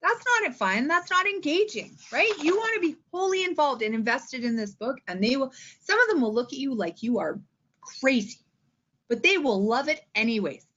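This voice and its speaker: This is a woman teacher sharing reading-aloud tips in an informal talk, her high-pitched, slightly bright voice swinging widely in pitch at normal speed. She's emphatic and theatrical and keeps checking in with the listener. The sound is lo-fi.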